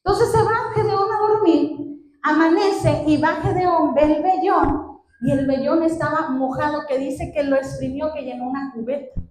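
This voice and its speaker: High-voiced woman preaching in echoey hall. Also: normal speed, darkish tone. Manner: retells the story, asking the congregation questions. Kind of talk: storytelling sermon. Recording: echoey hall, distant mic, faint noise.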